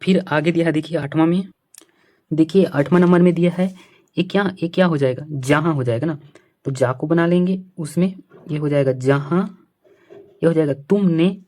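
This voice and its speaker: A man teaching a shorthand lesson step by step. He repeats himself often, keeps pointing things out and checking that the listener follows, and reads phrases out slowly, word by word. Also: a little high, darkish tone. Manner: repetitive, keeps saying "see here" and checks understanding.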